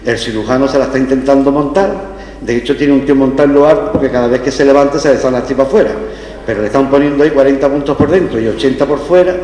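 A man's voice: mid-range voice, fast, warm tone, natural voice. A man with an Andalusian accent voicing a blunt bullring impresario, colloquial and comically exaggerating, in a stage anecdote. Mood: grimly comic. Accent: Andalusian Spanish. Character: blunt male bullring impresario reporting bad news. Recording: echoey hall with long reverb.

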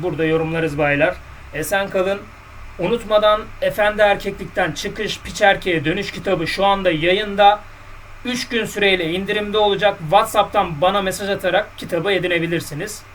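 Male dating coach, podcast monologue, blunt and colloquial, higher voice, slightly distant mic, faint hiss. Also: fairly bright tone. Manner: blunt, colloquial, lecturing listeners directly.

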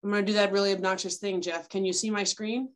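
A woman's voice: medium pitch, level tone, fast talker. A woman extension educator giving a friendly, step-by-step talk on compost over a video call. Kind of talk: informal webinar presentation.

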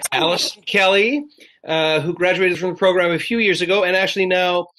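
Bright-voiced middle-aged man on a video call. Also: high-pitched, moderate pace, a little hiss or hum. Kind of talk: introducing a guest on a video call. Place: office with bookshelves. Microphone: webcam on a video call.

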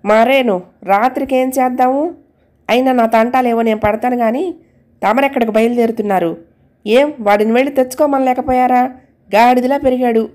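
A woman's voice: medium pitch, normal speed, close to an everyday voice. Woman as a tired, sarcastic housewife. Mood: irritated. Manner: sharp, sarcastic. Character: tired, irritated housewife and mother.

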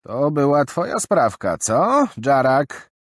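A man's voice: mid-range voice, very animated, takes it slowly, no room sound, clean studio sound, pitched above the performer's own voice. A male narrator voicing a stern, grey-haired older woman who leads a merchant caravan, speaking firmly. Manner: firm, commanding.

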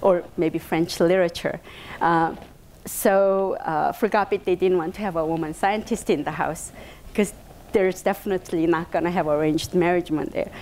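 Speaking at normal speed in a fairly low pitch, a Korean-accented woman in her fifties from South Korea gives a personal talk as an invited speaker. Her audience sits in a bright indoor meeting room. She's hesitant, with many fillers and animated hand gestures.

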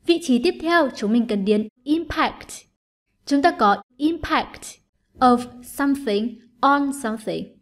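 A woman teacher giving an online lesson, explaining patiently and clearly, step by step, to her students. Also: sits high, expressive, takes it slowly. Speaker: English teacher.

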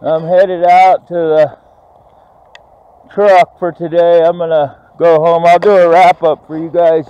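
A man hosting a metal detecting vlog, rambling casually to viewers with many pauses and ums. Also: fairly high pitch, dark tone, lo-fi sound. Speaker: metal detecting channel host. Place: outdoors on a grassy course, then an indoor home office.

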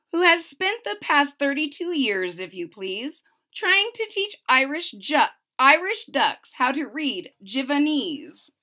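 A woman in her forties reads a children's picture book aloud in a small furnished room at home. Her voice sits high and is bright and forceful, with an emphatic, sing-song delivery and casual asides.

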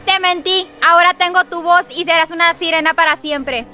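A woman's voice: very high-pitched, fairly even intonation, normal speed, pitched below the performer's own voice. A woman voicing a scheming adult female sea witch in a gloating, sneering manner. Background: loud music.

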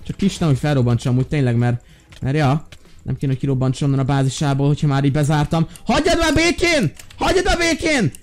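A young man giving excited, loud commentary on his own Minecraft play, often jumping into high yelps and shouts. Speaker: gaming YouTuber.

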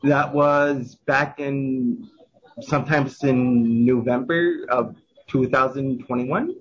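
A young man from Quebec answers questions about his café job, halting and restarting often. His voice is very husky. The outdoor recording is slightly muffled. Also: mid-range voice, fairly even intonation. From Quebec, Canada. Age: young adult. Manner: hesitant, with many restarts. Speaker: café worker, interviewee. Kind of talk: casual interview answers.

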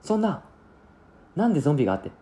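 A man's voice: fairly high pitch, big pitch swings, very fast, dark tone, pitched above the performer's own voice. A man voicing an anxious young woman who explains urgently and breathlessly. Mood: alarmed.

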